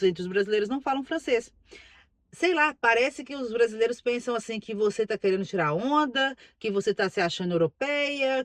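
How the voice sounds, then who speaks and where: A woman's voice: medium pitch, no room sound. A middle-aged woman from Brazil with a Brazilian Portuguese accent, chatting casually to camera as a vlogger, emphatic and repeating herself for stress.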